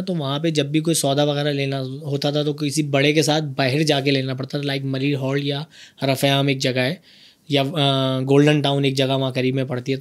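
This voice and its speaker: A man from Karachi, hosting a podcast and telling a childhood story in a lively, animated way. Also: on the high side. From Karachi, Pakistan. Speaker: podcast host. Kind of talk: casual storytelling chat.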